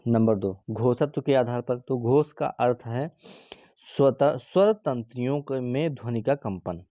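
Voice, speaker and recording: A man teaches a grammar lesson for exam preparation, pausing often to sound out letters slowly. His voice sits at an ordinary pitch, recorded close and dry with slightly muffled, lo-fi audio. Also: no echo. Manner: explains step by step, sounding out each letter slowly; drawn-out demonstration sounds with frequent fillers. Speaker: Hindi teacher.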